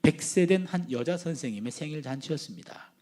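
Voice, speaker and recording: A man around sixty giving a sermon as a guest preacher, telling stories in a lively way and acting out phone conversations. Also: fairly high pitch, brisk. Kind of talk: sermon with storytelling.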